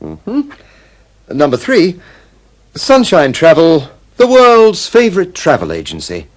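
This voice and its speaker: A man acting in a scripted course dialogue, reading in a clear, deliberate way. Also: fairly high pitch, huge pitch swings, heavily acted.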